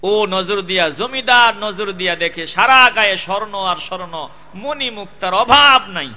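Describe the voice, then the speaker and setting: Preacher guy, tense forceful voice, shouts then sing-song lows. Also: lively intonation, unhurried. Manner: emphatic, swings between loud calls and low chanting. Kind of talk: Bengali waz sermon.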